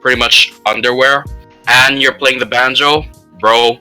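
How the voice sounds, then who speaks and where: A man hosting a podcast in casual chat, easygoing and quick to laugh. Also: mid-range voice, steady tone, bright, forceful tone, clear, resonant tone, faint music behind.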